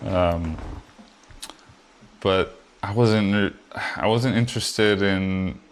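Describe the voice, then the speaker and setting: A man's voice: low voice, very slow, clean tone. A man in his forties from Puerto Rico, a guest chatting casually and rambling with lots of fillers. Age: 40s. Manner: relaxed, rambling, many fillers like "you know". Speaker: guest, foiler. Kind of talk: casual conversation.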